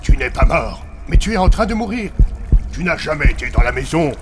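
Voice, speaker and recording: A man's voice: a little high, sing-song, a little fast, music in the background. A man voicing an exasperated, blunt and crude male god. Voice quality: blunt, impatient. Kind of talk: comedic gameplay sketch.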